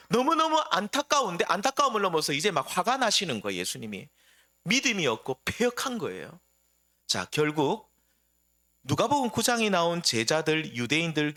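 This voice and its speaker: A man's voice: fairly high pitch, bright, forceful tone. A middle-aged man, a pastor preaching a sermon, asking the congregation rhetorical questions and retelling a scripture scene.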